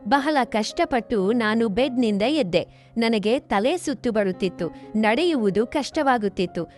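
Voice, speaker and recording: A woman storyteller reading a scripted first-person family story in a steady storytelling delivery, with faint music behind. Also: fairly high pitch.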